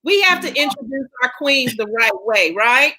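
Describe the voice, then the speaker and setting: Woman host, bright tone, slightly high voice, upbeat, greets viewers by name, faith-centered. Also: lively intonation, normal speed, rough recording. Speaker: podcast host. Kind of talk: live-stream show intro, reading a guest bio.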